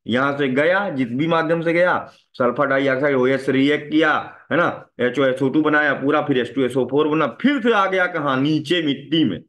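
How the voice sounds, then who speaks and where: A man's voice: a little high, normal speed, few pauses, fairly bright tone. A man teaching a classroom lecture, often asking students questions and repeating a tag after his points. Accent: Hindi.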